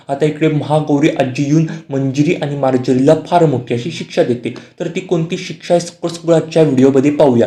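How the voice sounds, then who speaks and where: A man narrating a soap-opera recap in a steady, repetitive manner. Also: a little high. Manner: repetitive, stock phrases. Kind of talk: scripted narration. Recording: roomy echo.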